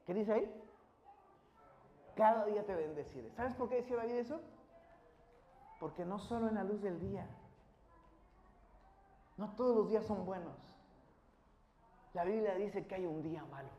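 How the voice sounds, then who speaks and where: A male pastor preaching a sermon, quizzing the congregation and rising to shouted praise. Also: high-pitched, expressive, normal speed, pauses often, dull audio, a little hiss or hum. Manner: asks the congregation questions and builds to shouted praise. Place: church hall. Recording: roomy church echo.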